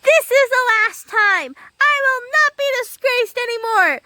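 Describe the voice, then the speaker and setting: Woman doing a shrill, angry little bearded man. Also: expressive, normal speed, bright, forceful tone, dry recording, heavily acted. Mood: furious. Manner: indignant, shrieking and scolding. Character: grumpy little old man with a long beard.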